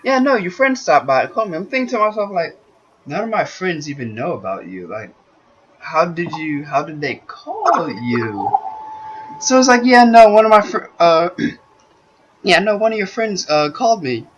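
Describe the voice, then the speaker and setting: A man's voice: high-pitched, normal speed, a little hiss or hum. A man telling a story on a podcast in a casual, profane way, acting out the dialogue of the people in it. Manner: animated, profane, acts out quoted dialogue. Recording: dull lo-fi recording.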